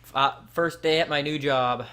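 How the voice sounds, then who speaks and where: A man's voice: a little high, fairly even intonation, normal speed, sharp tone, smooth. A young man hosting a live stream, chatting casually and talking straight to viewers by name.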